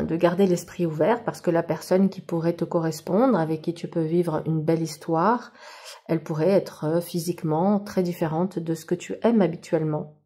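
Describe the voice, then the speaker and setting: With a warm, fairly low voice, a woman gives viewers their monthly tarot reading face to face. Her talk is casual and spiritual, full of enthusiasm, and she frequently bursts out in wonder at the cards she draws.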